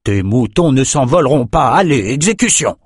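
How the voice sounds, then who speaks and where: A man voicing a grave, weary wizard who speaks slowly and deliberately. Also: no echo, clean studio sound. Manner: slow, low and deliberate.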